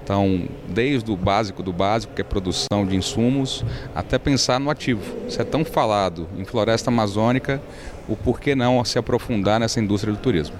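A Brazilian man, an event producer, speaking as a guest in a panel discussion, measured and explanatory. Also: fairly low pitch, background noise.

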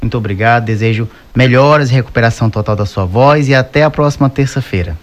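A man's voice: medium pitch, fast. A Brazilian man presenting a live morning radio news show as its host.

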